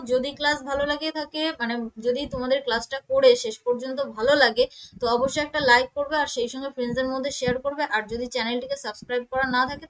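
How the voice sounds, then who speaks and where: A young woman with a Bengali accent teaching English grammar for an exam, reading the English options slowly and explaining them in quicker Bengali. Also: high-pitched, a bit bright, low-quality recording. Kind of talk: exam-prep lesson.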